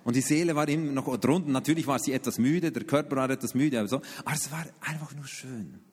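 Middle-aged man, pastor telling lively sermon anecdotes; husky, a bit high, big reverberant hall. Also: fast. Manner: animated storytelling with sudden pitch jumps and asides.

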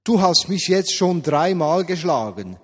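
A patient, wronged donkey asks quietly why she is being beaten, as a preacher puts her on. The voice sits somewhat high, and a long church reverb trails each phrase. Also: a little slow, heavily acted. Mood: plaintive. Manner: plaintive, reasoning calmly.

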